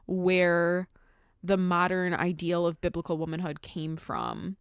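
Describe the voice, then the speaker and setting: Casual woman podcaster, lowish voice, dry sound. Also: little pitch movement, a little slow, clean tone, no echo. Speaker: podcast host. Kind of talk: casual chat, recapping a talk.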